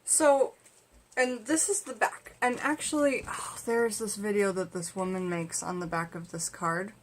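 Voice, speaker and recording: A woman's voice: medium pitch, fairly even intonation, a little slow, slight background noise. A woman vlogging about tarot from home in a rambling, conversational way, full of fillers and restarts. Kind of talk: casual chat.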